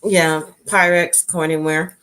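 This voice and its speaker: A middle-aged woman hosting a casual home chat, talking in a relaxed, hesitant way. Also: deep voice, slow, clear, resonant tone. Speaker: channel host.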